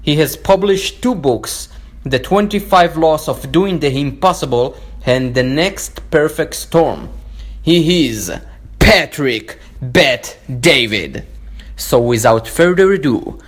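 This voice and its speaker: Israeli-accented young host, slightly high. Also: male voice, lively intonation, slow. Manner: hesitant, many uh fillers. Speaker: podcast host. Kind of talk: podcast interview.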